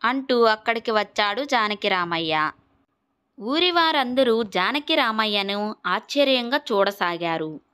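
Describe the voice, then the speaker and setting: Woman storyteller for a kids' moral tale, bright and crisp, slightly high voice. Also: animated, a little slow. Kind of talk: scripted children's story narration.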